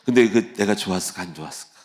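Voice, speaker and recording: A male pastor giving an early-morning sermon in a casual, conversational way, full of rhetorical questions and lively storytelling. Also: lowish voice, very fast. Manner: casual, conversational preaching with plain speech endings and rhetorical questions; vivid storytelling that acts out quoted voices. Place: church sanctuary.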